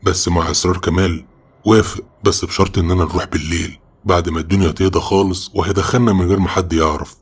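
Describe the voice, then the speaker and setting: A man with an Egyptian Arabic accent telling a first-person horror story in a brisk, dramatic, scripted narration. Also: deep voice, steady tone, breathy edge.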